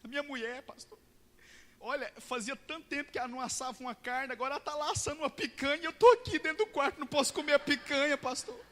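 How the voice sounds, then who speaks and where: A weepy grown man whines and pleads in a high, strained voice, as a preacher puts him on. The voice is pushed well above a normal man's pitch. It rings with the long reverb of a big church hall. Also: fast talker, a bit bright. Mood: tearful whining. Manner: high whining plea, tearful.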